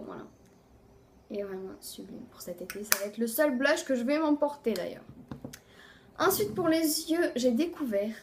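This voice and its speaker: Casual beauty vlogger, a woman with a slightly raised voice, chatty, lets her phrases fade out quietly. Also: on the high side, a little hiss or hum. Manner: chatty, fills pauses with "voilà"; voice often trails off softly at phrase ends. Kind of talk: casual monthly favorites review.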